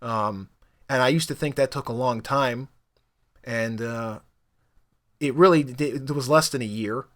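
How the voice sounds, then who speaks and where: A young man who grew up speaking Spanish chats to the camera about learning languages, his mid-range voice unhurried and broken by long pauses. He rambles along with plenty of fillers, giving a casual opinion monologue.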